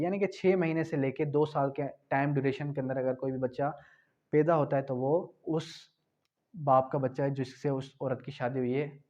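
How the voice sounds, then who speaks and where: A mellow, mid-range male voice leads a law lecture aimed at an upcoming exam. The tutor keeps asking rhetorical questions and restating the essentials, and the audio is lo-fi and dull.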